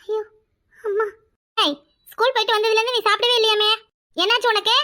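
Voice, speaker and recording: A scheming, bossy village mother from a cartoon squeals her scolding in a very high, piercing tone, voiced by a woman. She speaks with a Kanyakumari Tamil accent and a rapid, nagging rhythm. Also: steady tone. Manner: shrill, scolding, fast, rising to yells. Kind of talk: cartoon voice acting.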